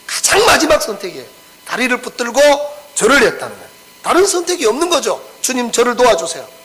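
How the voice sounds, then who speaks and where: A man's voice: very high voice, wildly swooping pitch, fast talker, bright, forceful tone, low-quality recording. A pastor preaching an expository sermon. He acts out the scripture quotes and keeps asking the congregation questions.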